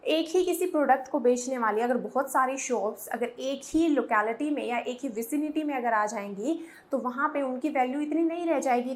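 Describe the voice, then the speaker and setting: A woman's voice: sits high, a bit bright. A woman teaching English idioms to Hindi speakers, mixing Hindi and English and patiently spelling words out letter by letter. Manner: switches between Hindi and English. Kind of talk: Hindi-English language lesson.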